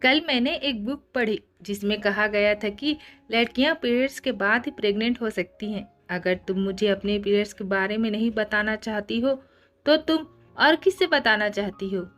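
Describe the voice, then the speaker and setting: A woman's voice: medium pitch, moderate pace, a bit bright, soft background music, close to an everyday voice. A woman voicing a teasing, domineering young nobleman who talks in a playful, smug, coaxing way.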